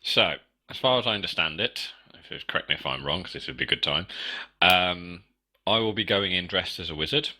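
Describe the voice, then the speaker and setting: A man talks casually as a player in a tabletop game, laying out plans. His voice sits very deep, with a strikingly bright, sharp edge. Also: brisk. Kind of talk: casual game planning talk.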